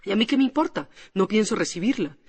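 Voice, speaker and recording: A man reading an audiobook, voicing a bitter, wounded noblewoman who scolds her unfaithful husband in a sharp, scornful way. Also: sits high, normal speed. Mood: indignant. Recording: long hall reverb.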